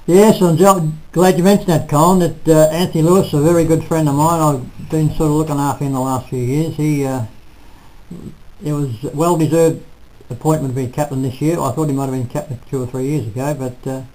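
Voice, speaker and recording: An older man reviewing a local football match in casual, halting talk full of restarts, recorded on a close webcam in a small room. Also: fairly high pitch, steady tone, mellow, rough recording. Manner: rambling, halting, self-correcting. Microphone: webcam at close range.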